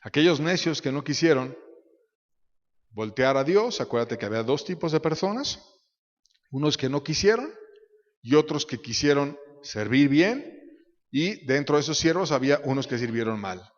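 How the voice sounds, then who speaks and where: A pastor preaching a sermon, swinging between loud emphatic bursts and quiet low asides, sometimes acting out voices. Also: male voice, lively intonation, normal speed. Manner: acts out quoted voices in his preaching. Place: church. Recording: echoey church hall, dull lo-fi sound.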